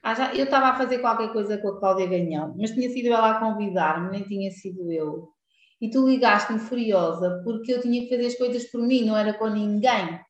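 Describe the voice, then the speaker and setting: A woman's voice: medium pitch, fairly quick, muffled recording. Roomy-sounding woman. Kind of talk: casual chat. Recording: roomy, slightly echoing sound.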